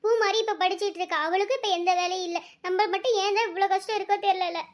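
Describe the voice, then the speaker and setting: Woman voicing a shrill cartoon village mother. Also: steady tone, fast talker. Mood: tearful. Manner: affectionate, tearful, talks in long runs. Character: caring village mother, emotional, devoted to family. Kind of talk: cartoon family drama voice acting.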